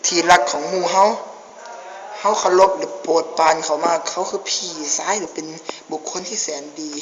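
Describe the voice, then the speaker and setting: A high-pitched man with an Isan accent hams up a homemade ghost story, crying out in mock terror between jokey asides. His voice rings around a long, echoey hall. Loud background noise runs underneath him. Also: flat delivery, a little fast. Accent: Northeastern Thai (Isan). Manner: jokey, exclaims and yelps in mock fright. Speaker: amateur video maker narrating a ghost spoof. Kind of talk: playful mock-horror narration.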